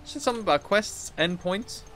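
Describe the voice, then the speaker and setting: He sits high in pitch, animated and brisk, slightly bright, with a little hiss or hum on the recording. A gaming streamer in his thirties, he gives casual, playful commentary and exaggerated read-outs over game music, quick to get exasperated.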